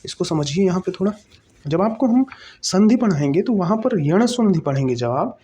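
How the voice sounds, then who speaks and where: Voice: mid-range voice, big pitch swings, normal speed, warm tone, breathy edge. A teacher giving an exam-prep grammar lesson, explaining step by step, asking and answering their own questions and checking in often. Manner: repeats terms and checks in often.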